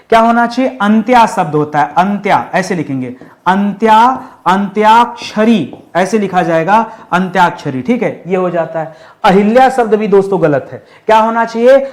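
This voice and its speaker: A male teacher giving an exam-prep lesson, asking the class questions and answering them himself in a firm, correcting way. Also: high voice. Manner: addresses students as friends, firm corrective tone. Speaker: Hindi teacher.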